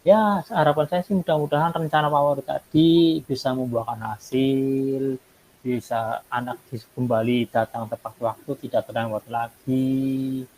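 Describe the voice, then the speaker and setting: A man's voice: mid-range voice, little pitch movement, moderate pace, darkish tone, slight background noise, rough recording. Polite affirming male teacher coach. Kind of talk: coaching role-play chat.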